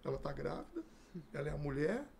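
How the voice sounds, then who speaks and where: Middle-aged man from Brazil, pastor in an interview; raised pitch, gravelly fry, acts out every exchange. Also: fairly quick, slight background noise. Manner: animated storyteller acting out dialogue. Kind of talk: telling his life story in a podcast interview.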